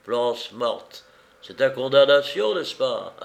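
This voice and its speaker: A man's voice: mid-range voice, animated, slow pace, gravelly. A man voicing a vicious crippled bandit who taunts with strident, cackling glee. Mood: gloating. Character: gloating crippled male bandit, vicious and shrill.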